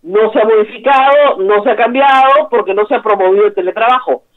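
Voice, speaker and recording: A woman's voice: on the high side, a little fast. Emphatic woman commentator on a tinny phone line. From Peru. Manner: emphatic, repeats key words for stress. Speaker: political talk show host. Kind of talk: opinionated commentary on a call.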